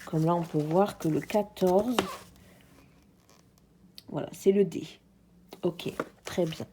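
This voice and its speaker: A woman's voice: lowish voice, takes it slowly, mellow, a little hiss or hum. A woman with a French accent chatting casually to her viewers as she unboxes a craft kit, hesitant and friendly, often speaking to them directly. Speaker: craft vlogger.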